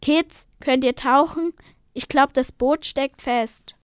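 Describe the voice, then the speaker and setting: A woman voicing a gruff, bearded old male fisherman who grumbles and mumbles his words. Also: medium pitch, normal speed, dry recording, clean studio sound, natural voice. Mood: calling out.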